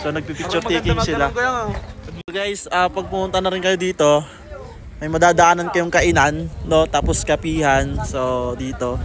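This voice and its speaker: A young man chatting casually to his viewers on a road-trip travel vlog, laughing often, filmed on a phone held at arm's length. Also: a little high. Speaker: vlogger. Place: outdoors on a motorbike ride, then an open-air eatery. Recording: loud wind noise on a phone mic. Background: loud wind and traffic noise.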